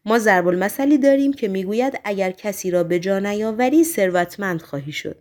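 A woman's voice: mid-range voice, darkish tone, lightly acted. Storybook role: a woman reading a guarded, teasing young woman; cool and curt. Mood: cool, haughty. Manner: cold, curt, biting.

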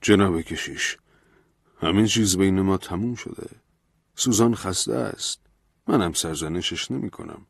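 Low-voiced male narrator as a proud, bitter man; storybook reading. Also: creaky, breathy edge, no room sound, clean studio sound, heavily acted. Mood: grim, resolved. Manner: bitter, defiant. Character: proud embittered grieving man, defiant.

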